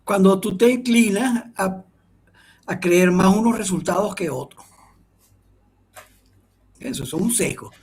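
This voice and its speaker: A middle-aged man lectures an online class in a gravelly, husky voice. He sits a little high for a man and rambles, restarting phrases and checking in with his listeners. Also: unhurried, long pauses, darkish tone.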